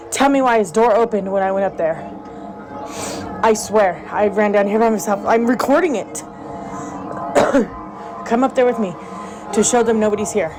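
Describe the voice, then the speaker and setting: A frightened woman records herself on a phone in a dark house at night, her voice panicked and breathless, dropping to a whisper at times. Her speech sits at an ordinary pitch. Music plays over the home recording. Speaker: mother filming at home. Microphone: phone camera in hand.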